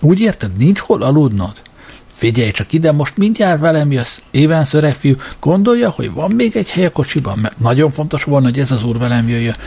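A man voicing a tipsy, good-natured young gentleman who rambles and forgets things, as an audiobook character. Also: on the high side, expressive, vocal fry, husky, voice pushed up, heavily acted. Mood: effusive. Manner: effusive, forgetful, blustering.

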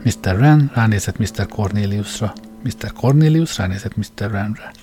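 A man reading a novel aloud as audiobook narrator in a calm, measured way. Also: on the low side, soft background music.

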